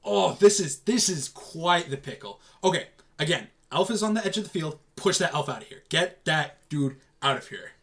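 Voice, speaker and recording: A man calls a tournament match in casual live commentary, his fairly high voice swinging widely as he groans and exclaims at each play. He talks off the cuff, trading quick reactions with a co-host. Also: lively intonation, a bit bright. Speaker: game commentator.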